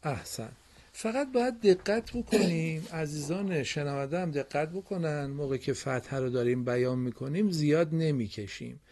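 A man teaching a broadcast reading lesson to children, explaining slowly and patiently and praising his pupils often. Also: fairly high pitch, darkish tone.

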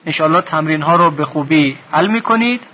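A man teaching a recorded reading lesson, sounding out drawn-out syllables slowly for learners to repeat. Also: fairly high pitch, expressive. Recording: dull lo-fi recording.

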